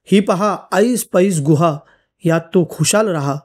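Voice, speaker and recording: A woman voicing a kind, fatherly old mountain in a storybook tale, with a warm, welcoming manner. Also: lowish voice, slow pace.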